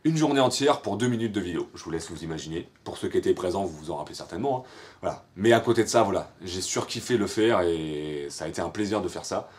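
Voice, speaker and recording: A man's voice: low-pitched, expressive, quick pace, darkish tone. A young man from France answering viewer questions in a casual, rambling way, full of fillers and slang. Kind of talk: casual FAQ monologue.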